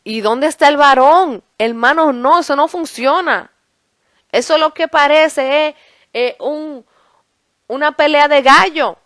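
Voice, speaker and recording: A woman preaching a fervent sermon. She fills it with shouts of praise and sometimes breaks into speaking in tongues. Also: sits high, slow, dry recording. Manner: fervent, peppered with "hallelujah" and "glory to God".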